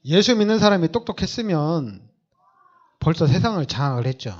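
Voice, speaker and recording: Emphatic preaching man, high lively voice. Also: brisk, dull audio. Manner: emphatic, repetitive preaching with rhetorical questions. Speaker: pastor. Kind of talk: sermon.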